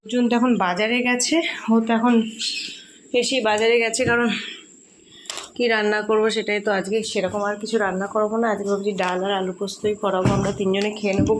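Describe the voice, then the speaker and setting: A young woman with a West Bengal Bengali accent, chatting casually to viewers in a home vlog. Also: medium pitch. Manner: chatty, talks straight to viewers. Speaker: vlogger. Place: at home, indoors. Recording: noisy home phone recording.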